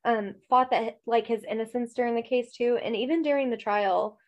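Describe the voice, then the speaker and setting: This true-crime podcast co-host is a woman with a slightly high voice and a stuffy nose. At a moderate pace she chats casually and rambles, with plenty of fillers and laughter.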